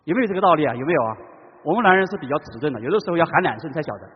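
A man preaching a sermon in a church, swinging between loud calls and hushed tones. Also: a little high, lively intonation, rapid-fire, slightly rough. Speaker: pastor. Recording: dull long-reverb hall recording.

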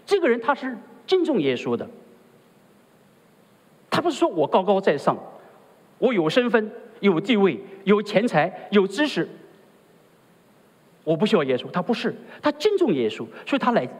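A man's voice: high-pitched, huge pitch swings, normal speed, long pauses, big-room sound. A man preaching a sermon as pastor, who keeps asking his listeners rhetorical questions. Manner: rhetorical, often asks the listeners "right?".

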